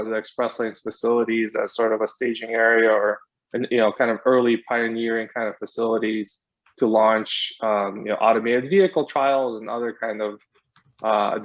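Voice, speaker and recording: Breathless man on a muffled video call. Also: medium pitch. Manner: hesitant, many fillers and restarts. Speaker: forum participant. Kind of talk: casual introduction on a video call. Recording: dull lo-fi video call audio.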